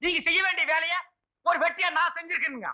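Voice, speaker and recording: An actor playing a village con man in a film comedy, pleading and shouting. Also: extremely high pitch, fast, heavily acted. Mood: accusing.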